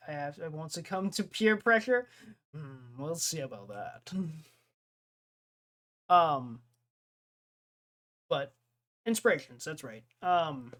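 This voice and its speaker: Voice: mid-range voice, fairly bright tone. A young streamer in casual chat with live viewers, rambling, laughing often and jumping from topic to topic.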